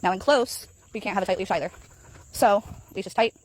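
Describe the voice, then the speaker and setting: A woman dog trainer walking a dog in an outdoor park, explaining calmly and praising the dog in high sing-song bursts. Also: brisk. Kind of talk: casual vlog narration while training a dog. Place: outdoor park path near geese.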